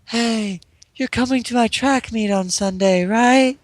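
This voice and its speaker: A man doing a high, distant-sounding flashback voice for a cheerful teenage girl while playing through a visual novel. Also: no room sound. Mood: sweet, coaxing. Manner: high, wispy, drawn-out delivery. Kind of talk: let's play reading a visual novel.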